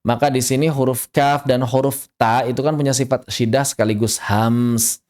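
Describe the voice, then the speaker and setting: Man, Indonesian accent, online recitation teacher, patient explanations, slow demonstrated readings. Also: mid-range voice, steady tone, a little mellow. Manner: explanatory, repeats points, slows to model recitation. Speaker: tajwid teacher. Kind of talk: online lesson. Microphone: online class mic.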